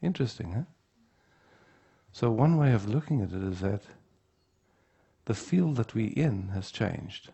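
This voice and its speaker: A man gives an unhurried spiritual teaching talk at a retreat, pausing often to check in with the room. His voice sits low and gravelly, with a dark, husky tone. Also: animated, dull audio.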